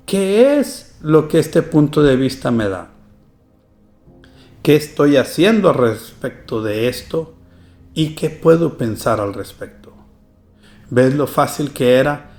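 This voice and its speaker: A man gives a church Bible study lesson at an unhurried, deliberate pace. His voice has a gravelly edge, and he leans on each word when he reads scripture. The recording has a roomy echo. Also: fairly high pitch, darkish tone. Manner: slow, deliberate, reads verses with emphasis. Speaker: church teacher. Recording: echoey room.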